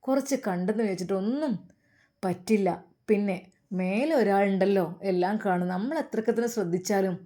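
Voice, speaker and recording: A woman voicing a kind male doctor who speaks in a measured, reasoning way. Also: medium pitch, mellow, natural voice.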